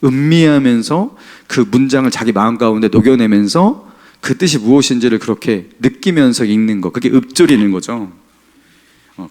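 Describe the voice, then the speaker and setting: Animated, chatty male pastor preaching. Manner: conversational preaching, often asking the congregation "그죠?"; swings between emphatic raised lines and soft, low asides. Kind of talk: sermon.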